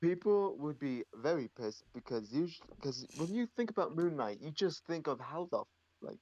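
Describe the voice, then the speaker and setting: A man's voice: fairly high pitch, very animated, normal speed, a little mellow, highs cut off. A man co-hosting a casual show review, mostly chiming in with short, laid-back replies. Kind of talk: casual chat.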